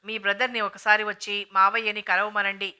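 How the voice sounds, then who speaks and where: A woman's voice: mid-range voice, little pitch movement, moderate pace, sharp tone, clean tone. A woman reading the lines of a polite, courteous young man.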